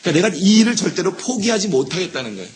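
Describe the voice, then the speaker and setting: Korean pastor acting out quoted excuses. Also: male voice, sits high, big pitch swings, rapid-fire, a little hiss or hum. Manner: acts out quoted excuses in shifting voices; repeats key words, asks the congregation "예?". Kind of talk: sermon. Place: church sanctuary.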